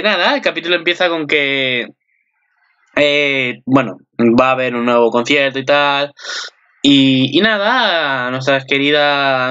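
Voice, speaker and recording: A man rambles through casual commentary, crude and joking, with many fillers. His voice sits a little high and sounds bright and tense. The recording is dull and lo-fi. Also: clean tone. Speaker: channel host. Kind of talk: casual commentary on an anime preview.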